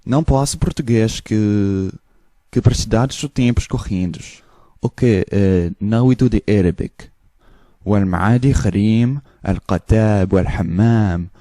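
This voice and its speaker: A man's voice: on the low side, fairly quick, warm tone, no echo. A man speaking made-up gibberish that imitates the sound of foreign languages, in changing mimicked accents.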